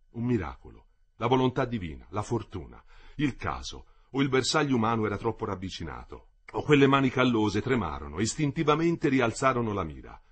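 A man's voice: on the low side, husky. A man reading a novel aloud as an audiobook narrator, with dramatic phrasing.

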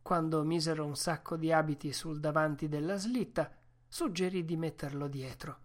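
Low-voiced woman reading a novel aloud. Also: moderate pace. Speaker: audiobook reader. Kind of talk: scripted narration.

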